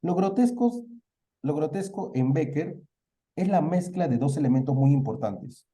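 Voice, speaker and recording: A man's voice: fairly high pitch, lively intonation, measured pace, warm tone. A man with a Peruvian Spanish accent teaching a live online literature review, asking questions and then answering them himself.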